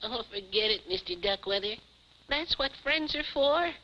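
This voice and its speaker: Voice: mid-range voice, lively intonation, moderate pace, close to an everyday voice. An actor voicing a plucky, kindly boyish puppet from Jupiter in a 1950s television show, exclamatory and bossy but caring. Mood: friendly. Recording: muffled 1950s television soundtrack, faint hiss.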